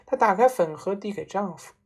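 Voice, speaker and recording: A woman reading a children's story aloud, in an expressive storybook narration. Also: mid-range voice, brisk, slightly rough.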